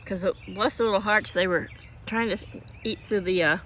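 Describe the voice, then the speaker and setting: A woman's voice: mid-range voice, brisk, a bit bright. An older woman from Oklahoma chatting in a meandering, homey way while sitting outdoors in her garden, often hiccuping and yawning. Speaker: vlogger. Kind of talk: rambling casual chat. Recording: faint outdoor noise, birds and passing traffic.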